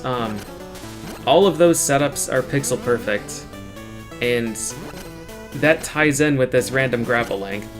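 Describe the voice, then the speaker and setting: A man giving casual speedrun commentary as the runner, explaining technical details in a matter-of-fact, halting way. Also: mid-range voice. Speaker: speedrunner commentating on own run. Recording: game music playing behind the voice. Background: video game music.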